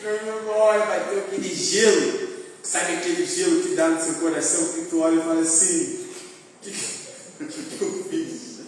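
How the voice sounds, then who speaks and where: A young man gives a lively, self-mocking testimony in church and keeps asking his listeners questions. His voice sits a little high for a man. He is picked up from far off in a big hall with long, booming echo. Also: fairly quick. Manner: animated storytelling, asks the audience rhetorical questions. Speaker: youth speaker. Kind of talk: humorous personal testimony from the pulpit. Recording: echoey church hall from far off with faint noise.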